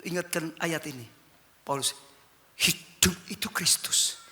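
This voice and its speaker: A man preaching a sermon as a pastor, dropping to low asides and rising to shouted, high-pitched exclamations. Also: unhurried, slight background noise. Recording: echoey church hall.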